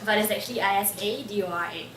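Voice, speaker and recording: Speaking fast at a medium pitch, a Singaporean woman in her 20s tells personal stories casually in an interview, with plenty of "like" fillers. She's recorded in a roomy space from a distance, with faint ambience and a crowd audible in the background.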